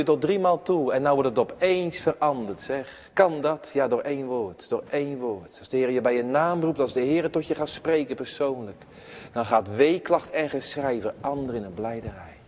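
A man preaching a sermon in a church, expressive and full of rhetorical questions. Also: medium pitch, normal speed, in a large hall.

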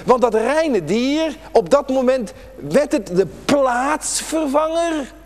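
A man delivers a sermon in a church with a long, ringing reverb. His fairly high voice moves through a wide, animated melody, climbing for emphasis and sinking to hushed, almost whispered phrases. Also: slow, a little hiss or hum. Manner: dramatic, swinging from raised emphasis to hushed near-whispers. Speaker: pastor.

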